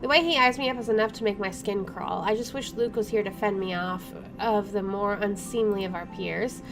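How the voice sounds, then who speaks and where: With a brisk, mid-range voice, this gaming streamer narrates a let's play by reading the game's text out loud. Wry, informal comments keep breaking in, often interrupting her own sentences. She's recorded on a side-placed microphone over background game music.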